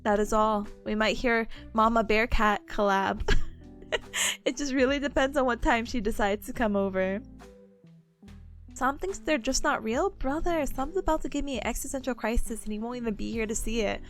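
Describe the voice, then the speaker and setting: Cute anime streamer girl, young adult, high voice, bubbly n playful chat w/ viewers, bit of music behind her. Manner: playful, giggly, drawn-out exclamations. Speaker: VTuber livestream host. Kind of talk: casual livestream chat greeting viewers.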